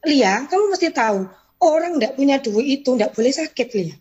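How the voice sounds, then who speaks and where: A woman's voice: high-pitched, lively intonation, very fast, fairly bright tone, muffled recording. A woman voicing a blunt male sales leader who scolds harshly. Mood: lecturing. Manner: harsh, mocking, lecturing.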